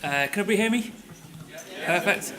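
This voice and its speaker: Speaking fast in a high-pitched, expressive voice, a middle-aged tour operator from Manchester, England, presents conversationally at a conference, stumbling through fillers and restarts. Crowd noise can be heard around him in the conference room.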